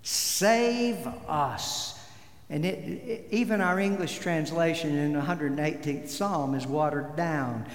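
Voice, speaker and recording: A male pastor delivers his sermon at an unhurried pace, pressing emphatic words. His slightly raised voice carries through a roomy sanctuary with a long, lingering reverb. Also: a little high. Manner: slow, deliberate preaching with emphatic stresses. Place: church sanctuary. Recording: echoey hall with long reverb.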